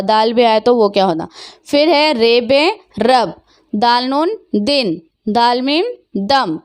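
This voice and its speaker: Slow-reciting woman teacher. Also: high voice, no echo, studio quality. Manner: slow, drawn-out letter recitation between explanations. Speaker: Urdu teacher. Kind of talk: online language lesson.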